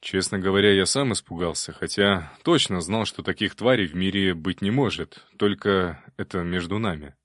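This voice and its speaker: A man's voice: low voice, normal speed, few pauses, fairly bright tone, dry recording, studio quality. A man reading a first-person audiobook in a wry, conversational storytelling manner. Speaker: audiobook narrator.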